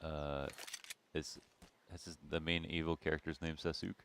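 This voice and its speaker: A man with a deep voice talks casually as an esports caster. Gunfire and clicks from the game are clearly audible behind his voice. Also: flat delivery, moderate pace, a bit bright, slight background noise. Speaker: esports commentator. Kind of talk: casual chat on an esports broadcast. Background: video game gunfire.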